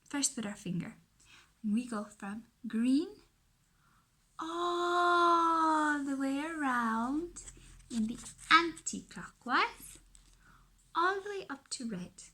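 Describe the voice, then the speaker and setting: A woman teacher giving an earnest, upbeat, encouraging phonics lesson to young children in simple short phrases with pauses. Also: on the high side, big pitch swings, sharp tone, breathy edge. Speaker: early-years literacy teacher.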